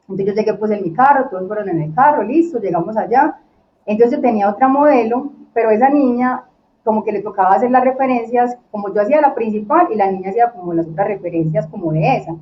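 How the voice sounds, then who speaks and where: A woman, a podcast guest telling her own story in a casual, lively way and acting out what people said to her. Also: on the high side, fast, roomy sound. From Colombia. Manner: lively, acts out quoted dialogue. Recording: dull lo-fi recording with faint noise.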